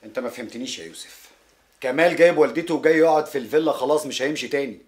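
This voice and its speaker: An actor playing a worried relative with an Egyptian accent, calmly bringing bad news in a film drama. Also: male voice, medium pitch, very fast, close to an everyday voice. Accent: Egyptian Arabic. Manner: pleading, calming.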